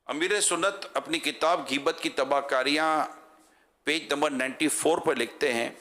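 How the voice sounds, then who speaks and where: A male preacher in full sermon mode, his voice sitting a little higher than most men's. He talks lively and rhetorically, throwing questions at the crowd. He often breaks into loud chanted slogans for the audience to repeat. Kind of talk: religious sermon to a gathering.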